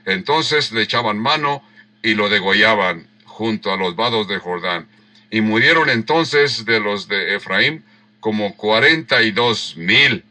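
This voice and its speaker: Slow, bright-voiced pastor. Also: male voice, fairly low pitch, lively intonation. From Mexico. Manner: unhurried, rereads verses and acts out the quoted lines; explains word sounds with emphatic repeats. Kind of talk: sermon teaching verse by verse.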